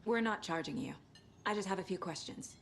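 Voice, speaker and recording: A woman's voice: medium pitch, brisk, close to an everyday voice. A woman playing a composed, courteous federal agent in a video game. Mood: calm, professional. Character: composed, courteous female FBI agent investigator. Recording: faint background ambience noise.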